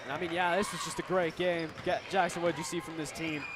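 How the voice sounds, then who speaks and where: High-voiced teen boy calling a game. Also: fast talker, crowd noise. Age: teens. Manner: excited, rises to loud calls at big moments. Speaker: student play-by-play announcer. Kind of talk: sports commentary. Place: school gym. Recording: noisy gym broadcast.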